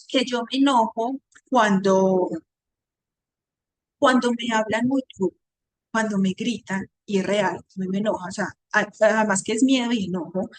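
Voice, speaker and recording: A woman's voice: mid-range voice, no echo. Woman psychologist explaining with rhetorical questions. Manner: explains with rhetorical questions and repeated everyday examples. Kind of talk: teaching a talk on emotional intelligence.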